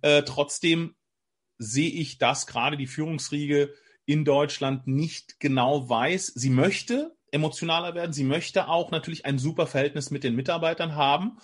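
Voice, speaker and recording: Husky-voiced man, energetic storyteller. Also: fairly high pitch, normal speed. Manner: energetic, vivid storytelling with frequent restarts and acted-out examples. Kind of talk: conversational explanation in an interview.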